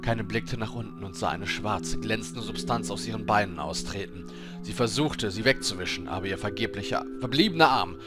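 A man reading a game story aloud in a steady, dramatic storytelling voice. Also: fairly low pitch, fairly quick, over loud music. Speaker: let's play narrator.

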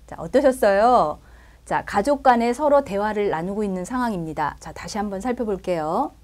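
Woman, Spanish teacher, animated pitch, step-by-step explaining, checks in often. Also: moderate pace. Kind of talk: recorded language lesson.

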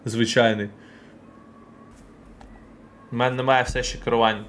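A man's voice: medium pitch, little pitch movement, a bit bright, slight background noise. A man streaming a football card game, chatting casually with his viewers as he opens packs and reacts. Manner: chatty, addresses chat directly, quick reactions. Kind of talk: casual live-stream commentary while opening packs.

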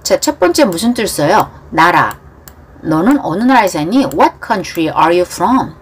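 A woman teaching English through a pop song, repeating lyrics slowly line by line and then explaining them in quick bursts. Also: fairly low pitch, sing-song, husky.

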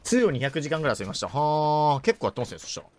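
A woman live-streaming a shooter game in casual chat, rough and tough-talking, joking, reacting loudly to the game and greeting viewers. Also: low voice, sing-song, rapid-fire, a little hiss or hum.

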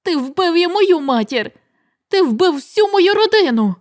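A woman reader voices a young man in agony, fighting the beast inside him. His cries come out loud, strained and high. He sounds desperate and cornered. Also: lively intonation, takes it slowly. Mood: anguished. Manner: desperate, shouting in pain.

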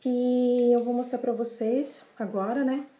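A woman's voice: a little high, steady tone, a little slow, warm tone. A young adult woman with a Brazilian accent, chatting casually to camera as a video blogger and repeating words for emphasis. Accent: Brazilian Portuguese. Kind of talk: casual vlog to camera, showing desserts. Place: small bare room indoors. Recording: echoey small room.

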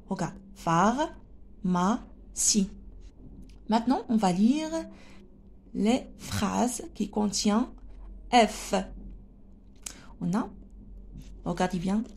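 A woman teacher with a North African lilt to her French, leading a phonics lesson for small children. Her voice sits fairly high, and she drags every word out very slowly, sounding out each letter and syllable with care. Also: mellow, husky. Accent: French spoken with a North African lilt. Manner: slow, drawn-out, careful sounding out of letters.

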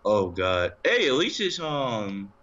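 A man's voice: mid-range voice, big pitch swings, takes it slowly, a bit bright, muffled recording, slight background noise. A young man co-commentating a card game, teasing his friend and laughing often. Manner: laughs a lot, teasing, exclaims in surprise. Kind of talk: casual commentary over an online card game.

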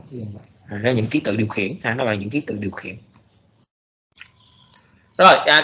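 A man giving a recorded programming lecture, speaking haltingly with many fillers and restarts. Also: medium pitch, sharp tone, muffled recording.

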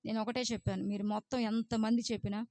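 A woman's voice: mid-range voice, little pitch movement, quick pace, dark tone, no room sound. A young woman, telling her personal testimony in an earnest, emotional way and mixing in English words. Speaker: church member giving testimony.

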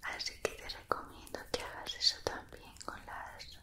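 A woman from whispers soothing ASMR very close to the microphone, breathy and unvoiced, softly repeating words. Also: normal speed. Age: 20s. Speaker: ASMR creator. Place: small indoor room. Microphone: close-up studio microphones.

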